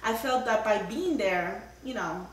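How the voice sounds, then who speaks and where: A middle-aged homeowner with a mid-range voice and lively, unhurried intonation earnestly tells a long story at her dining table, full of fillers, as a casual testimonial. It's recorded indoors on a far-off camera, so the audio sounds roomy and distant with a faint hum.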